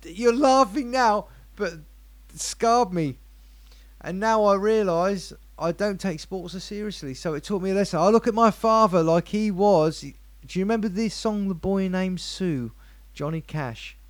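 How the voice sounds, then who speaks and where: A man's voice: high voice, unhurried, no echo. A man co-hosting a show, telling rambling, playful stories in casual chat. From England. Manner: rambling, animated, playful storyteller. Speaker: radio show co-host.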